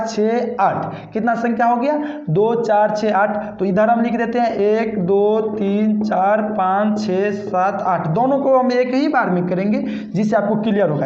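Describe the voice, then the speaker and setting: A male math teacher giving a step-by-step classroom lesson, counting digits aloud slowly and repeating himself, calling his students "sir" and "babu". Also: high-pitched, darkish tone. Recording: echoey room, dull lo-fi sound.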